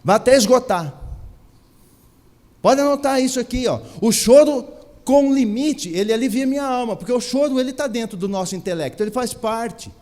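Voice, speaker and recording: A man with a Brazilian Portuguese accent preaches a sermon in a notably high voice, driving his points home with repetition and rhetorical questions. His words ring out with a long reverb, as in a large church hall. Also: animated, normal speed, a little mellow. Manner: emphatic preaching, rhetorical questions, repeats phrases. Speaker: pastor.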